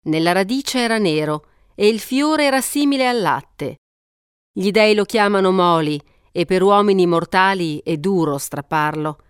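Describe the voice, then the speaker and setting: A woman narrating an epic poem aloud in a measured, steady storytelling voice. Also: mid-range voice, smooth, no room sound, studio quality.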